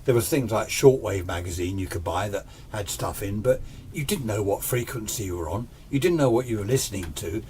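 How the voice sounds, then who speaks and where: Speaking a little fast with lively intonation, this man in his sixties has a lowish, darkish voice, and slight background noise can be heard. An amateur radio hobbyist, he rambles through an unscripted, informal explainer, tossing small questions to himself.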